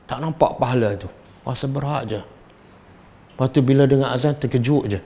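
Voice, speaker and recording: A middle-aged man with a Malaysian Malay accent, giving a religious study lecture and questioning his audience in an animated, teasing way. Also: medium pitch, fairly quick. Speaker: religious teacher.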